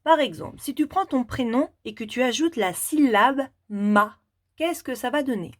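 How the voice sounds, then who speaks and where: A woman teacher giving a children's reading lesson, talking slowly and deliberately and repeating syllables clearly. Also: a little high, lively intonation.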